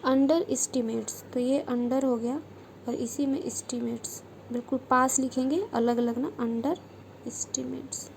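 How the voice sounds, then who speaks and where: A woman teaching shorthand, slowly repeating each word as she demonstrates it. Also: sits high, fairly even intonation, darkish tone, slight background noise, low-quality recording. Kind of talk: instructional lesson.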